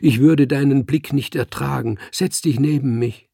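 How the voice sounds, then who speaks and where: A man reading the part of an unhappy woman who pleads for comfort, in a slow, even storybook voice. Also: medium pitch, vocal fry, breathy edge, no echo, studio quality. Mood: pleading. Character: unhappy woman, pleading, wronged by her husband.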